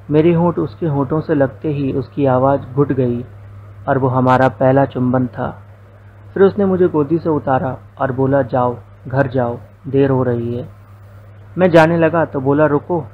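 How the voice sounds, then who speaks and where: A man's voice: mid-range voice, phone-quality sound, a little hiss or hum. A young man narrating a first-person story, with quoted dialogue folded into his telling.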